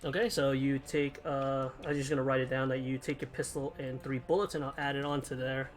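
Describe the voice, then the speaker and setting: A man's voice: medium pitch, level tone, brisk, soft background music. A man running an online tabletop game as game master, casual and chatty with lots of fillers and laughs.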